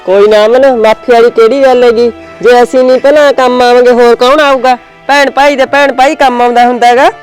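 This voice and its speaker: A woman's voice: on the high side, steady tone, brisk, hardly any pauses, smooth, faint music behind, lightly acted. A performer playing a kind farm wife who comforts her sister-in-law. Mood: comforting. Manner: warm-hearted, comforting.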